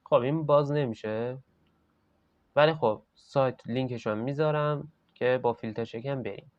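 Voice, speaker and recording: A man talks viewers through a software setup, step by step, in an easygoing chatty tone. His voice sits mid-range. The recording is dry, with no room sound, and a little dull, like a basic desk mic. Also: mid-range voice, no echo. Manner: casual, step-by-step explaining. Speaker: tech tutorial host. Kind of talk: screen-recorded software tutorial.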